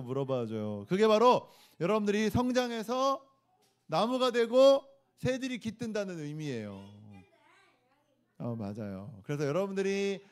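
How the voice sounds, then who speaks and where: A man, a pastor, giving a children's sermon in a church room, playfully quizzing the kids and having them repeat phrases after him. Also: high voice. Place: church worship room indoors.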